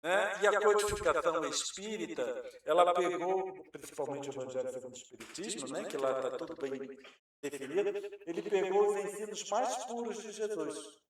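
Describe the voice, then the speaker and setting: A man's voice: fairly high pitch, moderate pace. Man lecturing in a very echoey hall. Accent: Brazilian Portuguese. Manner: explanatory, asks rhetorical questions and answers them. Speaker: Spiritist lecturer. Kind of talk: lecture to an audience. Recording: very echoey hall, mic far off.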